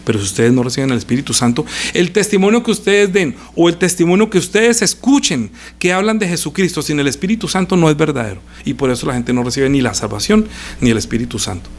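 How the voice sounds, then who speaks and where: Emphatic preacher, higher-pitched man. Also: expressive, fast. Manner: emphatic, swings between loud and hushed, repeats phrases. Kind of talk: sermon with scripture reading. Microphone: live-streamed sermon.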